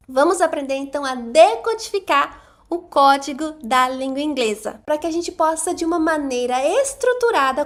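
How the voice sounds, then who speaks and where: A woman with a Brazilian Portuguese accent teaching an online lesson, sounding out letters slowly and repeating them for the listener. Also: sits high, fairly bright tone. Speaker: English teacher trainer.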